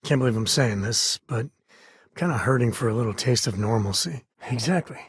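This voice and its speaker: For video game voice acting, a very raspy middle-aged man from the space frontier speaks in naturalistic dialogue, folksy and wry. A devoted father and easygoing explorer, he has a medium-pitched, brisk voice in an easy mood, recorded dry.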